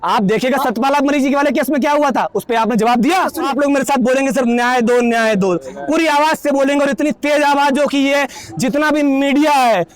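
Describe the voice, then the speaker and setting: A man's voice: extremely high pitch, a little fast. A man giving a fiery protest speech outdoors, rhetorical and pointed, leading the crowd in chants. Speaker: protest speaker.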